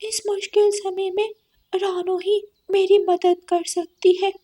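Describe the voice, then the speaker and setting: A grieving young widowed crow from a cartoon, tearful and pleading, her voice climbing very high as she cries out, as a woman puts her on. She sounds meek and heartbroken. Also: little pitch movement, slow pace, warm tone. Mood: wailing.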